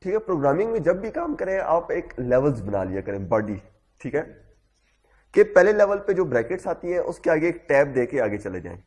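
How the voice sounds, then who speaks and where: A lively man with a fairly high voice teaches code in a classroom lecture. He explains step by step and repeats "theek hai" constantly.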